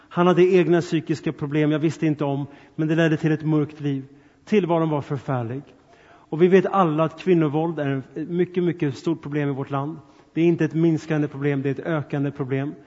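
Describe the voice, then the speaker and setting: Higher-voiced man preaching in a reverberant hall. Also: a little mellow. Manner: earnest, addresses the congregation directly with questions and appeals. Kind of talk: sermon. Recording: long reverb, dull sound.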